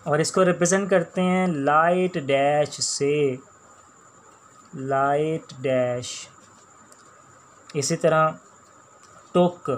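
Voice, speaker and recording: A man with a Pakistani accent teaching a shorthand class, explaining each sound slowly and repeating words as he writes them out. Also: on the high side, steady tone. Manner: slow, patient, repeats each sound and word. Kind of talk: classroom lecture while writing on a board.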